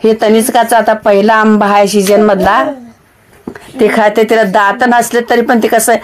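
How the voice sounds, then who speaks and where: A woman's voice: on the high side, level tone, moderate pace. Chatty woman narrating a home vlog. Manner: chatty, rambling, with frequent fillers and restarts. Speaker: vlogger.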